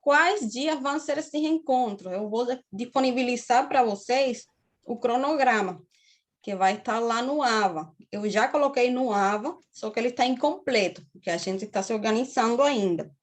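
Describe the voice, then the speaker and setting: A woman's voice: a little high, normal speed. A woman in her thirties from Cuba with a Cuban accent, giving a university lecture on a video call and explaining steadily, often checking in with her students. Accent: Cuban Spanish. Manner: explanatory, often tags phrases with "né?". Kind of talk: online class lecture.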